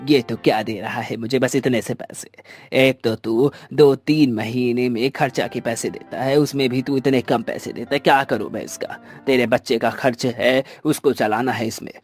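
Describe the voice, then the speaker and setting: A man's voice: mid-range voice, steady tone, normal speed, faint music behind, lightly acted. A man doing a grumbling old village father. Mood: scolding. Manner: scolding, nagging.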